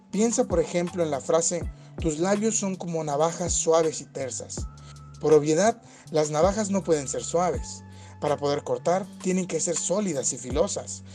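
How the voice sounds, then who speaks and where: A man giving calm, scripted educational narration for a lesson video, explaining steadily. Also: on the high side.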